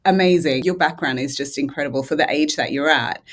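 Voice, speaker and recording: A woman's voice: deep voice, brisk. A woman hosting a podcast interview, upbeat and welcoming as she introduces her guest and asks questions. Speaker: podcast host.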